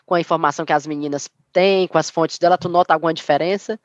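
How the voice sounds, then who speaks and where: A woman's voice: deep voice, steady tone, fast, dry recording, muffled recording. A woman hosting a podcast who asks the guest long, winding questions. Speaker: podcast host, interviewer. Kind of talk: interview questions.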